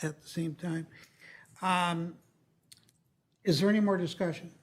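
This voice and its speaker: A woman's voice: on the low side, steady tone, a little slow. A woman chairing a formal public commission meeting, moving through the procedure.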